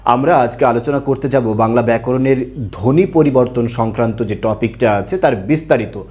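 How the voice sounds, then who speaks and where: A man's voice: mid-range voice, moderate pace, darkish tone. A man teaching an online grammar class, who asks questions and answers them himself and repeats key points. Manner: repeats key points, tells listeners to pay attention.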